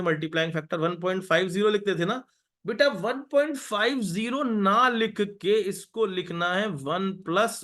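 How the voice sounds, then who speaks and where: A man's voice: high voice, fairly bright tone. A man with an Indian accent teaching a live online math class, coaxing students and repeating his instructions.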